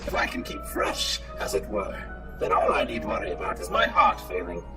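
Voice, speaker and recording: A man's voice: lowish voice, moderate pace, natural voice. A man playing a menacing, pompous old half-mechanical Scrooge in an audio drama, with a theatrical, bombastic delivery. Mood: defiant. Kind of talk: audio comedy drama acting. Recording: distant-sounding voice under loud music.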